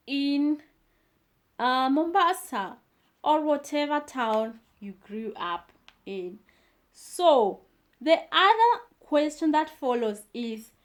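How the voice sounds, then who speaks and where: A woman teaching a beginner language lesson, slowly repeating each phrase for the learner. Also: high-pitched, a bit bright. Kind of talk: slow, patient language lesson.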